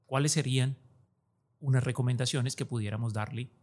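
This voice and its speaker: A man's voice: medium pitch, fairly even intonation, a little fast, darkish tone. A man hosting a podcast and interviewing his guest. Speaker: podcast host.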